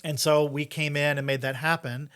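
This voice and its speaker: A man's voice: a little high, flat delivery, moderate pace, fairly bright tone, clear, resonant tone. Middle-aged man talking in an interview. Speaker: interview guest, entrepreneur and investor. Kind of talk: conversational interview, explaining.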